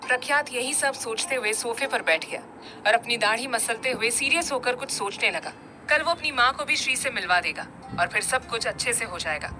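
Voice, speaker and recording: A woman narrating a romantic story in an expressive storybook reading. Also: on the high side, brisk, background noise.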